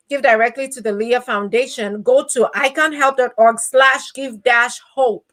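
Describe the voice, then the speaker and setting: Nigerian-accented woman hosting a podcast. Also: fairly high pitch. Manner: warm encouraging appeals, frequent ums. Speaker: podcast host. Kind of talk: podcast interview.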